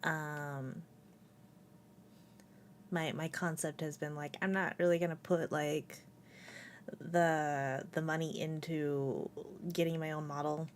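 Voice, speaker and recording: A young adult woman streams from home as a VTuber, a cat on her lap, chatting casually in a rambling, giggly way with plenty of fillers. Her voice is low-pitched and flat, her pace slow with long pauses, and a little hiss or hum sits in the recording.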